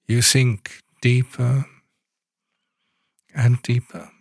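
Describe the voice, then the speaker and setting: Male meditation guide, unhurried and soothing, mid-pitched voice, dry close sound. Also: vocal fry, husky, no echo. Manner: calm, soft-spoken instructions with long pauses.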